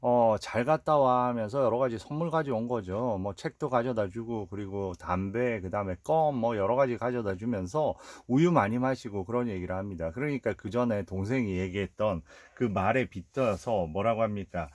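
A man's voice: moderate pace, hardly any pauses, no room sound. A man retelling a film's plot as a commentator, acting out the characters' lines as he goes. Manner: acts out the characters' lines with lively shifts in pitch. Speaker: film commentator.

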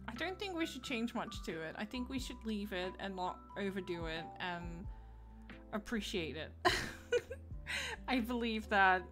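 A woman's voice: medium pitch, expressive, a little slow, over music. A woman with a Dutch accent chatting casually on a gaming livestream, giggling often and greeting viewers by name.

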